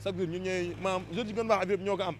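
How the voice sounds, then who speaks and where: With a high-pitched, rapid-fire delivery and fairly even intonation, a Senegalese football supporter gives a passionate street interview opinion, often saying things twice. Traffic and city street sounds fill the background of the handheld recording.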